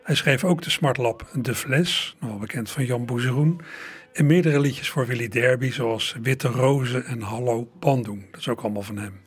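A man's voice: mid-range voice, normal speed, slightly rough. A man presenting old recordings to radio listeners in a chatty manner, speaking to them directly.

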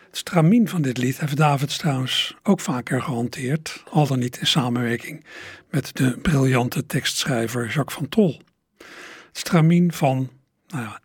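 A male radio presenter explaining an old song thoughtfully, pausing to search for words. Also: mid-range voice, breathy edge, no room sound, clean studio sound. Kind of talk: radio programme commentary.

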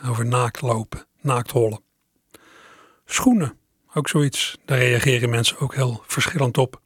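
A man's voice: medium pitch, slightly rough, no room sound, studio quality. A middle-aged man presenting a radio show, musing conversationally between records and addressing listeners directly.

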